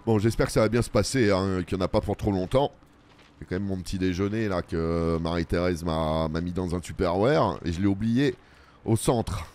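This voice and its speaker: A let's play host with a fairly low, darkish voice gives loose, chatty commentary on a video game at a moderate pace. He mutters remarks to himself as he plays and keeps turning to viewers with self-mocking asides.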